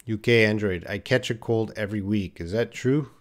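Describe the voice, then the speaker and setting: With a lowish voice and moderate pace, a man runs a live online English lesson. He patiently goes through viewers' answers, reading them out and correcting them with repeated example phrases.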